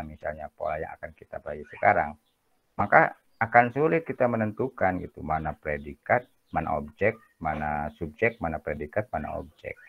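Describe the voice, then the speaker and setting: A man's voice: low voice, vocal fry, muffled recording. A man lecturing a class in a casual, chatty way, joking and often asking for agreement. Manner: chatty, jokey, peppers talk with tag questions. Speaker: university lecturer.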